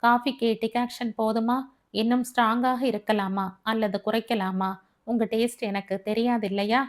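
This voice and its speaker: A woman's voice: fairly high pitch, fairly even intonation, normal speed, natural voice. A woman reading the part of a frank, self-possessed divorced woman who speaks candidly, as audiobook dialogue. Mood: composed.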